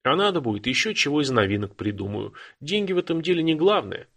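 A man reading an audiobook, playing a firm, decisive young Cossack leader who gives orders in a gravelly, husky voice. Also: fairly high pitch, sing-song, quick pace, a bit bright, pitched above the performer's own voice, full character voice. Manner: firm, commanding.

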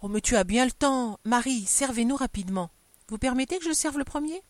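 A woman reading aloud, voicing an impulsive, nervous bourgeois wife who pleads and exclaims in a raised, higher voice. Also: a little fast, dry recording, lightly acted. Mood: insistent. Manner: excitable, pleading, higher and louder than the narration.

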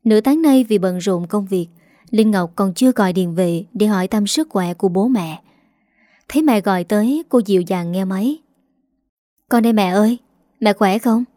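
A woman calmly narrating an audiobook story in an even reading voice. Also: mid-range voice, normal speed, no room sound, studio quality.

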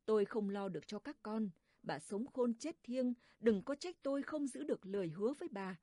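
A woman voicing a grieving old widowed father who quietly laments to his late wife in a storybook reading. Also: fairly high pitch, animated, normal speed, dry recording, clean studio sound.

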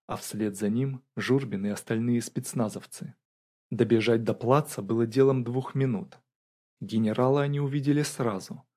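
A man narrating an audiobook in a steady, brisk storytelling manner. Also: mid-range voice.

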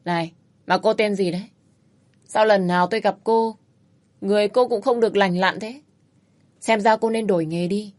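A woman's voice: mid-range voice, moderate pace, pauses often, lightly acted. A woman voicing a cool, aloof man who speaks curtly and mockingly in a spoken audio story. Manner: calm, dry, curt, mocking.

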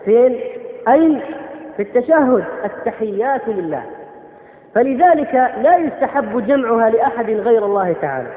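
A man's voice: very high voice, lively intonation, a little fast. A man preaching a sermon, correcting common phrases and repeatedly addressing his listeners as brothers. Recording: tinny lo-fi recording in an echoey hall.

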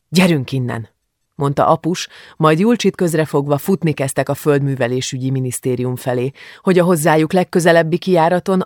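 A man reading an audiobook aloud in a measured, grave manner, recorded close to a studio mic. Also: on the high side, creaky, no room sound. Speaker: audiobook narrator. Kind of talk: audiobook narration.

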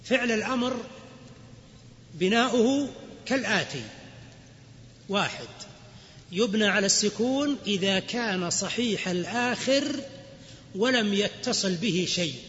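Scholar lecturing in a reverberant hall. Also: male voice, sits high, a little slow, long pauses, fairly bright tone, slight background noise. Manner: explains then quizzes students. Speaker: Islamic scholar teaching grammar. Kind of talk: classroom lecture. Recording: lo-fi recording with long hall reverb.

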